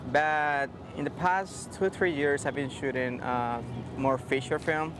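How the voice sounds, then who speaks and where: A man from Rica, a cinematographer speaking haltingly in a casual interview. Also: on the high side, fairly even intonation, music in the background. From Costa Rica. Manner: halting, laughs easily.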